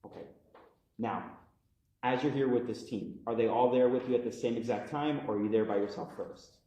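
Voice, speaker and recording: A man questioning a witness as prosecutor in a measured way, heard in a courtroom recording. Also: mid-range voice, dark tone. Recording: echoey courtroom audio.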